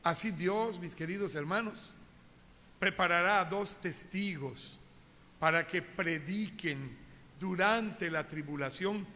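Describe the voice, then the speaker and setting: Male pastor, animated storyteller, high bright voice, echoing church. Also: slow pace, a little hiss or hum. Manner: animated storytelling, addresses congregation directly. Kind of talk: sermon. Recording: reverberant church hall.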